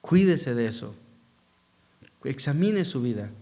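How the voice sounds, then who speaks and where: A man's voice: mid-range voice, very animated, takes it slowly, mellow. A man preaching as pastor in a church hall, asking the congregation questions and acting out quotes in a sermon.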